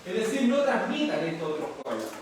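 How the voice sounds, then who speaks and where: Chilean male preacher, high voice, teaching tone, distant mic with heavy room echo. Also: huge pitch swings, fast talker, noisy background. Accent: Chilean Spanish. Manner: explanatory, repeatedly checks understanding with rhetorical questions. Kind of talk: expository sermon. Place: church hall. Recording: echoey hall from far off.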